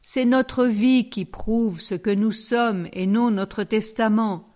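A woman's voice: a little high, takes it slowly, darkish tone. A woman voicing a stern, firm older priest who reproves a parishioner, in a read storybook.

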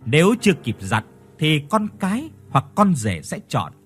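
A man's voice: fairly high pitch, sing-song, normal speed, breathy edge, soft background music. A man voicing a stern middle-aged village shaman who gives solemn, commanding instructions. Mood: solemn instructing.

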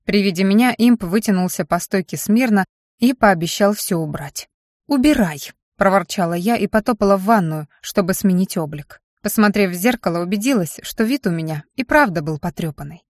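A woman reading a first-person fantasy story aloud in a steady, measured narration. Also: mid-range voice, dry recording, studio quality. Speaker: audiobook narrator. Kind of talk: scripted narration.

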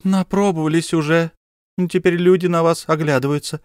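A stern, domineering noblewoman, the count's wife, who scolds in sharp, commanding bursts, as a male narrator puts her on. The voice is pushed much higher than his own and recorded dry and close. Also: animated, normal speed, no room sound. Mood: scolding.

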